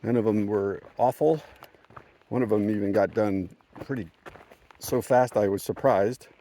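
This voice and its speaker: Man, low-pitched voice, rambling outdoor hiking vlog, chuckling storyteller, self-correcting. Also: measured pace, mellow, slight background noise. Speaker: thru-hiker vlogger. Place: outdoors on a mountain trail.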